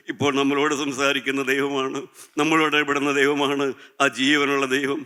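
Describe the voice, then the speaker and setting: A man's voice: on the high side, bright, forceful tone, clean tone. A man preaching a sermon who repeats his phrases and puts rhetorical questions to the congregation, calling them God's children. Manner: addresses listeners as God's children.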